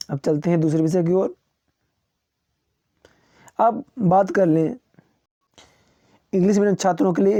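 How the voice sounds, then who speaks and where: A male coaching teacher going through a syllabus, listing topics one after another and chuckling now and then. His voice is very dark and mellow. The recording is dry and close, with no room sound. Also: sits high, dry recording. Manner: slows down to read English titles. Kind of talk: syllabus walkthrough for students.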